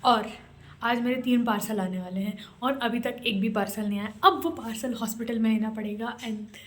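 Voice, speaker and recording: A young woman vlogs her day as a doctor, her voice a bit higher than most. She chats loosely into a phone camera, slipping in English phrases and checking in with her viewers as she goes. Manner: chatty, mixes English phrases into Hindi, often tags "theek hai". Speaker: doctor vlogger. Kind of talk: casual daily vlog. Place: home and on the go.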